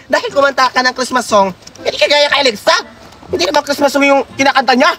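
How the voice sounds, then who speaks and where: A man voicing a bossy older woman who hands out gifts, scolding loudly and dramatically over music. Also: very high-pitched, quick pace, crowd noise. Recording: music playing behind.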